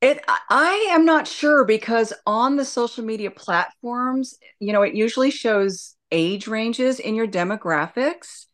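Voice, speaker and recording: A woman's voice: a little high, lively intonation, a little slow, hardly any pauses, fairly bright tone. A woman answering interview questions conversationally as a hospice nurse and educator, reflective and explanatory.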